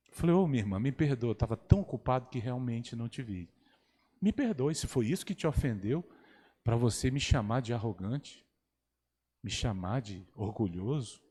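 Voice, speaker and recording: A man preaching a sermon as pastor, animated and rising to loud exclamations, in a church hall. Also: mid-range voice, moderate pace, breathy edge. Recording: long church hall reverb.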